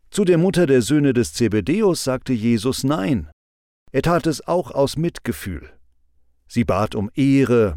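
A man giving a calm devotional sermon with a measured, instructive delivery. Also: mid-range voice, dry recording, studio quality. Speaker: preacher.

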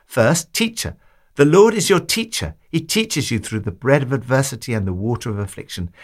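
A man reads a devotional commentary aloud, taking his time and stressing each point. His voice sits in an ordinary middle pitch. The delivery is calm and deliberate. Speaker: devotional reader.

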